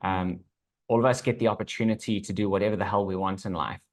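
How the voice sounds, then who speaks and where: A man with a South African accent speaks in a fairly low voice. He sounds like an assured consultant on a podcast, explaining things conversationally and checking that the listener follows. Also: steady tone, quick pace. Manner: assured, instructive, checks in with "right". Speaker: business consultant, podcast guest. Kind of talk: conversational advice.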